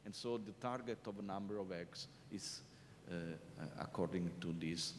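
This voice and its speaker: A man answering questions as a panelist at a conference discussion, explaining emphatically with frequent hesitations. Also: normal speed. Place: conference hall. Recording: reverberant conference hall, faint rumble.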